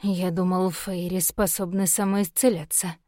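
A woman reading an audiobook, voicing a gentle, protective young mortal prince who speaks softly and soothingly. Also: fairly low pitch, little pitch movement, a little slow, no room sound, studio quality, close to an everyday voice. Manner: soft, soothing.

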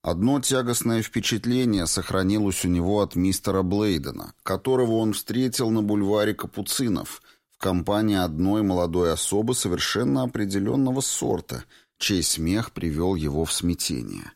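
A man narrating an audiobook in a calm storytelling manner. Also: sits low, normal speed, vocal fry.

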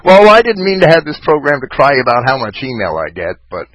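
A man's voice: mid-range voice, huge pitch swings, brisk, a bit bright, no room sound. A man hosting a casual call-in talk show, rambling and ranting with many restarts. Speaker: podcast host. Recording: dull lo-fi online voice chat.

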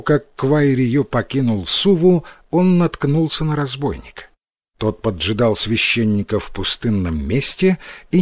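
A man narrating a folk tale in a scripted, expressive storytelling manner. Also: mid-range voice, no room sound, studio quality.

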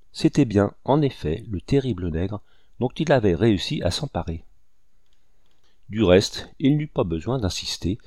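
A man narrating an audiobook in a dramatic, measured storytelling manner. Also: fairly low pitch, a little mellow, no room sound, clean studio sound. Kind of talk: scripted narration.

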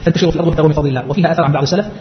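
A teacher explains a scholarly text at a very fast clip, asking questions and answering them himself in a slightly high voice with fairly even intonation. The lecture recording is muffled and lo-fi, with a faint hiss underneath.

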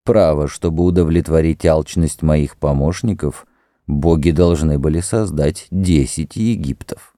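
A man voicing a cynical male high priest who speaks in a dry, indifferent way. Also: measured pace, mellow, no room sound. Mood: cool.

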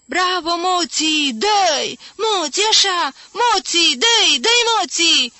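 A woman reading an audiobook voices a hoarse young man who yells frantically for a boxer in shrill, high shouts. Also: lively intonation, dry recording, heavily acted. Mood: frenzied. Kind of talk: audiobook character voice.

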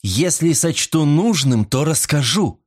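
A man voicing a polite young woman who grows sharp and indignant, in a storybook reading. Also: medium pitch, lively intonation, moderate pace, close to an everyday voice. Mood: indignant, furious.

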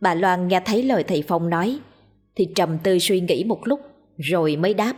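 A woman with a fairly low voice reads a ghost story aloud as a scripted narration. Her delivery is even and measured, with faint music under her.

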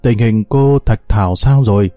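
A man's voice: lowish voice, normal speed, mellow, dry recording, soft background music, lightly acted. A man voicing a stern aging company director and father. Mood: weary.

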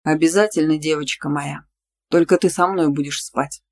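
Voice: medium pitch, steady tone, normal speed, close to an everyday voice. A narrator voicing a blunt, possessive young male PE teacher in an audiobook, demanding and teasing. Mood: tender. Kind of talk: audiobook dialogue reading.

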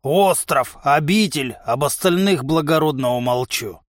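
A man voicing a pompous, boastful giant of a prisoner who declaims slowly and grandly, his sulky dignity never slipping. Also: fairly high pitch, no echo, close to an everyday voice. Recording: dry close studio sound.

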